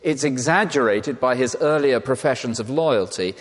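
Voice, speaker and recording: Preacher in a reverberant church. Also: male voice, mid-range voice, moderate pace. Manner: emphatic, rhetorical repetition. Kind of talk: sermon. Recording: long hall reverb.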